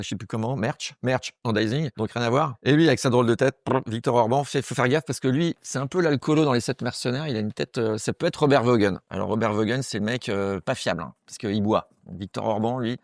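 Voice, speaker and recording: Fast-talking crude comic monologuist, man. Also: medium pitch, no room sound, clean studio sound. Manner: fast, slangy, crude and excitable, does quick voices. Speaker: comedic monologue host. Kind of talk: rambling comic monologue to camera. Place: small room, close to camera.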